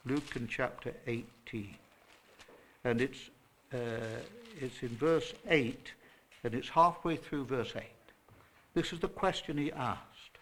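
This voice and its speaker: A man preaching a sermon to a small church congregation, earnest and emphatic, rising to loud stresses. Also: medium pitch, takes it slowly, slight background noise. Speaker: pastor.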